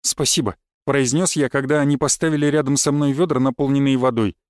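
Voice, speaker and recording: A man narrating a first-person audiobook in a calm, cold, matter-of-fact manner. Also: mid-range voice, fast talker, clear, resonant tone, no room sound, studio quality.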